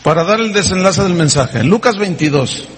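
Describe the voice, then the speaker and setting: A man preaches a sermon in a high-set, unhurried voice, pressing his points home with question after question aimed at the congregation. The recording carries a long hall reverb and a faint hum of room ambience behind him. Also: animated. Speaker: pastor.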